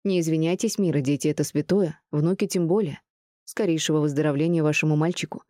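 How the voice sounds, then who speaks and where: A woman reading the lines of a reserved grown man who speaks in a flat, colorless, emotionless tone. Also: deep voice, quick pace, no room sound, clean studio sound, lightly acted.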